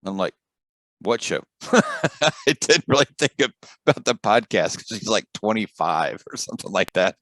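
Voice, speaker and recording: A middle-aged American man chatting as a podcast host, with animated pitch that moves around a lot. His talk is informal and jokey, and the sound is close and dry. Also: moderate pace, no echo. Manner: joking, informal. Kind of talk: casual chat.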